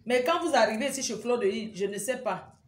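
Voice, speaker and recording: A woman's voice: a little high, expressive, fairly quick, slight background noise. Woman urgently pleading on a roomy phone live stream. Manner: repetitive, urgent pleading with viewers; teasing, scolding banter. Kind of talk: casual live-stream chat. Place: at home indoors.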